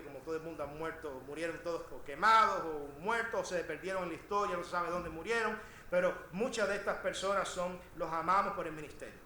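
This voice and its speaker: A male pastor preaching a sermon in a church, swinging between quiet asides and shouted emphasis. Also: sits high, slight background noise. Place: church sanctuary. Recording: echoey church room.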